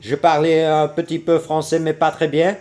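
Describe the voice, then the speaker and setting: A fairly high-pitched, darkish male voice comes through with a completely flat delivery at a moderate pace. He's a Belgian livestream host with a UK, New Zealand and American accent blend, chatting upbeat to viewers while working at his home desk, tired after staying up all night.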